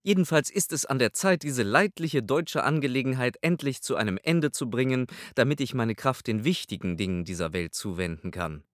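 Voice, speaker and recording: A man voicing an irritable, imperious old pope in an audiobook, speaking pompously and forcefully. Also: mid-range voice, expressive, normal speed, hardly any pauses, no echo, clean studio sound, natural voice. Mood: gruff. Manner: pompous, raised and forceful delivery. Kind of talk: audiobook character voice.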